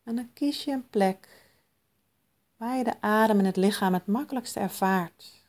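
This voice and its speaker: A woman guiding a mindfulness meditation in a soft, calm, soothing manner with long pauses. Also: mid-range voice. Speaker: meditation guide.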